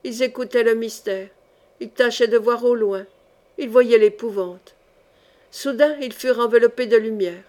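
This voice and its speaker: A woman narrating a historical cloak-and-sword novel in a measured, expressive audiobook reading. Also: fairly high pitch. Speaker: audiobook reader.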